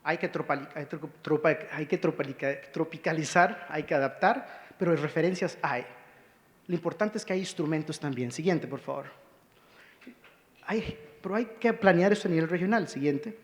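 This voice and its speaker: A man's voice: a little high, moderate pace. A man from Rica, giving an earnest conference presentation and calling for the next slide. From Costa Rica. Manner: earnest, urging, cues slides. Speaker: conference speaker. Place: conference hall. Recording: long hall reverb.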